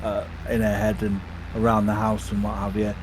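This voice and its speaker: Laid-back man with a lowish voice. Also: completely flat delivery, moderate pace, background noise. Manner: laid-back, hesitant with many ums. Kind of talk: casual chat.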